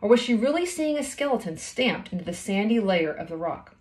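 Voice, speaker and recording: Reading a children's novel aloud for listeners, a woman in her thirties uses a medium-pitched, darkish voice with big swings in pitch and a slightly fast delivery. She's in a small indoor room at home.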